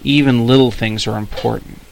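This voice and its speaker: Man doing a brisk young woman coaching in one's head. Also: medium pitch, steady tone, gravelly, background noise, lightly acted.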